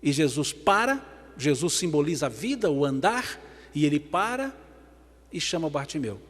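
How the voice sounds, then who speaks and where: A man's voice: fairly high pitch, very animated, moderate pace, breathy edge. Brazilian man lecturing in an echoing hall. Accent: Brazilian Portuguese. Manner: emphatic, swinging between loud and hushed passages. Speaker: spiritist lecturer. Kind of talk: religious lecture. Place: large event hall. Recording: long hall reverb.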